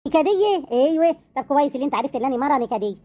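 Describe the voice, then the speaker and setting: A woman with an Egyptian accent playing a bitter, sharp-tongued wife in an audio drama, scornful and mocking. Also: sits high, expressive. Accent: Egyptian Arabic. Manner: scornful, mocking, quick retorts.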